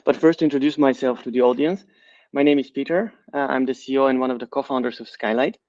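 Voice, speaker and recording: Middle-aged man from Bulgaria, CEO, explanatory and measured, dry slightly dull recording. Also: mid-range voice, a little mellow, no room sound. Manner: measured, explanatory, with frequent fillers. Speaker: company CEO and co-founder. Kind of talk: interview answers.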